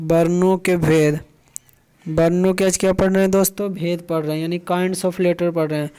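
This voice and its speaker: A man's voice: high-pitched, dark tone, clear, resonant tone. A man teaching a grammar lesson, often asking his viewers a question and then answering it himself while repeating key points.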